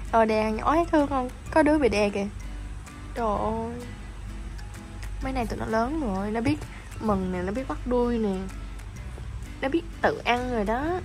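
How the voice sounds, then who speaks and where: Woman, higher voice, chatty and doting home vlogger, music bed behind. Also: moderate pace, long pauses, a little mellow. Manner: doting, chatty, talks baby talk to puppies. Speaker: pet vlogger. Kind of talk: casual vlog narration.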